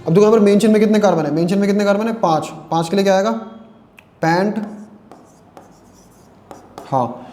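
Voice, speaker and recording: A man's voice: sits high, fairly quick, long pauses, dark tone, roomy sound. A male chemistry teacher giving a tired classroom lecture. He asks his own questions and answers them, and he mixes English terms into his speech. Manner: speaks Hindi mixed with English terms.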